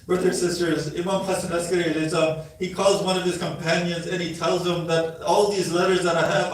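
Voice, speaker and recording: A man giving an impassioned mourning sermon, telling the story and voicing its dialogue, his voice rising almost to shouts. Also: high-pitched, a little hiss or hum. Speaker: majlis speaker. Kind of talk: mourning sermon with chanted salutations. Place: large prayer hall. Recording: echoey hall, voice far from mic.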